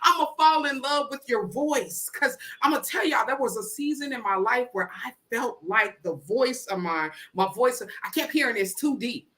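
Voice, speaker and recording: Animated and a bit bright, this deep-voiced motivational speaker talks at a moderate pace with hardly any pauses. Her inspirational spoken-word delivery follows a rhythmic, repeating preacher's cadence, punctuated by call-outs to the crowd.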